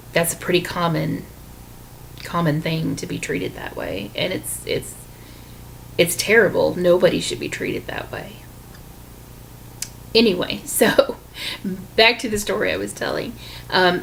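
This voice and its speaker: A woman with a lowish, gravelly voice tells her own story to camera, candid and unpolished, pausing often to restart her sentences. A faint hiss sits under her voice. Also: lively intonation, fairly bright tone, poor audio. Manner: candid, with frequent ums and restarts. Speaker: vlogger sharing her illness story.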